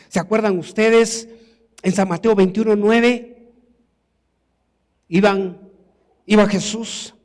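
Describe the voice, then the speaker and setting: A man's voice: high voice, darkish tone, in a large hall. A man preaching a sermon in a church, emphatic and building to exclamations. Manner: emphatic, rises to exclamations and acted quotes.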